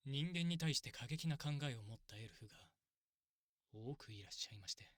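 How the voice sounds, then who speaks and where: Elf priest, played by a man: courteous, possessive, quietly menacing ASMR role-play. Husky, very dry recording. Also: medium pitch, lively intonation, fairly quick, no echo, lightly acted. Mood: grave, menacing. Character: soft-spoken polite elf priest, obsessive, quietly menacing yandere.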